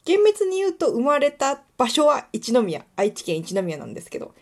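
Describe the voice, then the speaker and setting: A young woman from Kuwana in Mie, Japan, hosts a solo podcast talk show, chatting casually in a light Kuwana dialect and rambling with lots of fillers. Her voice sits high with big pitch swings, a darkish tone, and a moderate pace.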